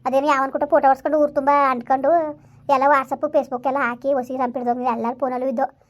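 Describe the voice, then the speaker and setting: A woman's voice: high voice, level tone, fast. A woman in a village comedy skit who pleads and complains. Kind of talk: village drama dialogue.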